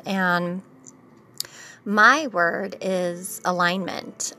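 Slow-talking bright woman hosting a spiritual vlog. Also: fairly low pitch, slight background noise. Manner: relaxed, rambling with many fillers; gentle and affirming. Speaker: host of a daily spiritual vlog. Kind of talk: casual spiritual talk.

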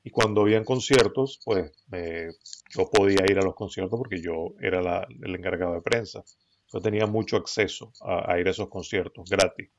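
Venezuelan guy with a really low voice, rambly chatty storytelling, sounds kinda muffled. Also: a little fast, slight background noise. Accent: Venezuelan Spanish. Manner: relaxed, rambling, with frequent fillers and restarts. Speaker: podcast guest, photographer. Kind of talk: casual conversational storytelling. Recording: dull lo-fi recording.

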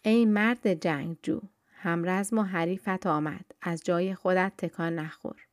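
A woman voicing a mighty, mocking male hero warrior in a told story, in a low, even storybook voice. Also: no room sound, studio quality, lightly acted.

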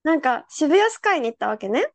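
High-voiced young woman telling lively stories. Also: fast, no room sound. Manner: animated storyteller, acts out quotes. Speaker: podcast host. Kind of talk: casual chat.

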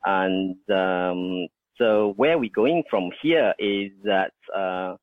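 A man's voice: sits low, slow, dry recording. A man from Indonesia, a small business owner, answering interview questions hesitantly with many fillers and restarts. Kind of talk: casual interview talk. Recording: tinny phone-like line, dry.

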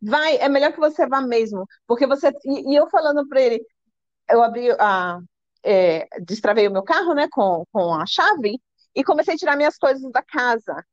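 A woman's voice: high voice, animated, moderate pace, no echo. A Brazilian woman, an interview guest, telling a personal story with many restarts and acted-out quotes. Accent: Brazilian Portuguese. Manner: breathless, restarts sentences, acts out quoted dialogue. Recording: dull lo-fi sound.

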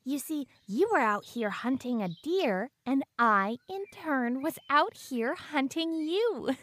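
This is a pompous teenage girl with a menacing calm, voiced by a woman in an audio drama. Her voice sits high. She talks in stiff, overly formal sentences full of big words, always smug and condescending. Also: dry recording. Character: pompous, coldly menacing 14-year-old girl hunter.

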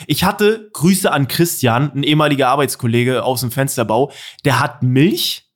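A man's voice: mid-range voice, moderate pace. A young man co-hosting a casual chat podcast, talking emphatically about pet peeves. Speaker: podcast co-host.

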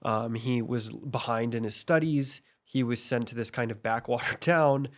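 A man's voice: mid-range voice, normal speed. A man co-hosting a podcast, reflecting aloud and asking his partner questions. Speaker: podcast co-host. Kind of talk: casual podcast conversation.

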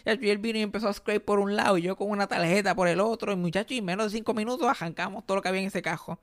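A man's voice: high voice, very fast, no room sound. A young Puerto Rican man with a Puerto Rican Spanish accent, a comedian co-hosting a casual podcast, telling stories animatedly and mixing English words into his Spanish. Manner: animated storyteller, mixes English words into Spanish, acts out quoted voices.

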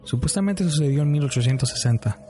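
A man narrating a true story in a grave, measured scripted delivery. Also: on the high side, lively intonation, warm tone. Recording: music bed behind voice.

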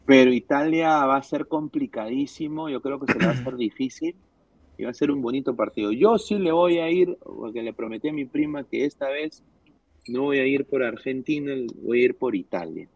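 A man co-hosting a casual sports podcast, teasing his co-hosts and often trailing off into quiet mutters. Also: mid-range voice, normal speed. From Peru. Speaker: podcast co-host. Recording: dry, slightly muffled sound.

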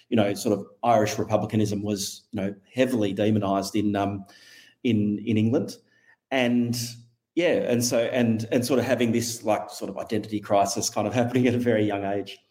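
Low-voiced Australian man, rambling and hesitant. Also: a little mellow. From Western Australia. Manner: rambling, self-correcting, thinks aloud with frequent hesitations. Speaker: podcast guest. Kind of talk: casual conversational interview.

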